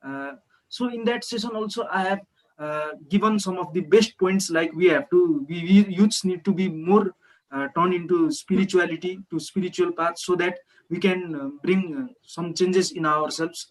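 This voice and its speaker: A man's voice: sits high, moderate pace, rough recording. A young man from Nepal with a Nepali accent, earnestly sharing his experience on an online video call, polite and hesitant with many fillers. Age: young adult.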